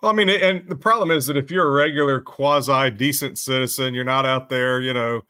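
Bright-voiced rambling man. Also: mid-range voice, steady tone, a little fast, no echo. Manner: rambling, profane, full of fillers. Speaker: co-host. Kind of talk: casual chat.

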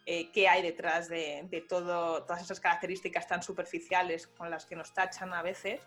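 Emphatic low-voiced woman. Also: moderate pace, soft background music. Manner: animated, emphatic. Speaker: podcast co-host. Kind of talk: casual podcast chat.

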